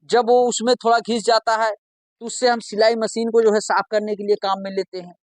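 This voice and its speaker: A man, a stand-up comedian, telling jokes to a judge in a chatty storytelling way, slowing down for the punchlines. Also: sits high, level tone, slight background noise. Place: TV comedy stage with audience.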